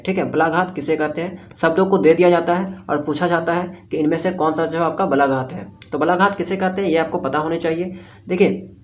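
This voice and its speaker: A man with a Jharkhand Hindi accent teaching Hindi grammar for an entrance exam. He explains steadily and keeps checking in with the students. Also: high-pitched. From India. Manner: repeats "thik hai" and "jo hai" while explaining, checks with listeners often.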